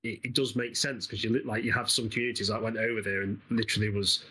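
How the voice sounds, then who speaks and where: Man, East Midlands accent, rapid chatty gameplay talk, slightly low husky voice. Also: level tone, pushed and bright, a little hiss or hum, low-quality recording. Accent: East Midlands English. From England. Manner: chatty, rambling, laughs often. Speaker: gaming channel host. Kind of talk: casual co-op gameplay commentary.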